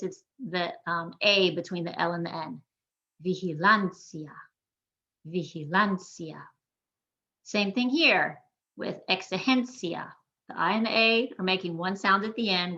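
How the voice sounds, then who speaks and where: A woman teaches pronunciation in a clear, patient voice, sounding out each example word slowly. Her pitch sits in an ordinary middle range. The recording is a little dull and muffled. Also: sharp tone. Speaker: Spanish teacher. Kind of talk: pronunciation lesson.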